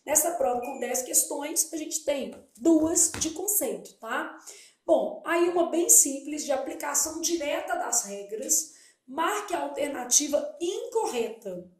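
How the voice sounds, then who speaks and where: Woman teacher, high voice, echoey room, explains step by step. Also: animated, measured pace, a little mellow. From Brazil. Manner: explanatory, asks and answers her own questions. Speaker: Portuguese teacher. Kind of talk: exam-prep lesson.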